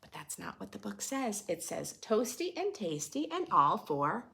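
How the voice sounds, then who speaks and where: This woman's medium-pitched voice is sing-song, a little slow, gravelly, pushed and bright. She hosts a preschool read-aloud, performing a picture book dramatically and pausing for simple questions and explanations that teach.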